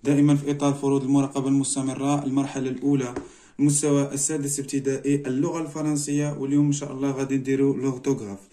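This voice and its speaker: Moroccan teacher, mellow, slow and repetitive. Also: male voice, medium pitch, flat delivery. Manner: explains step by step, repeating words slowly and switching between languages. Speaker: primary school teacher. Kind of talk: French lesson walkthrough mixing Moroccan Arabic and French.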